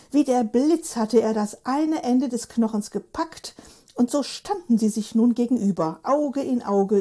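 A woman narrating a story aloud in a lively, expressive reading. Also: a little high. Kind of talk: audiobook narration.

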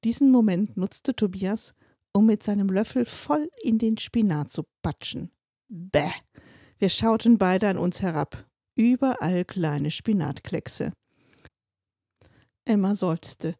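A woman's voice: mid-range voice, expressive, slow, mellow, slightly rough, dry recording. A woman reading a darkly comic story aloud, in a dry, wry storytelling manner. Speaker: narrator.

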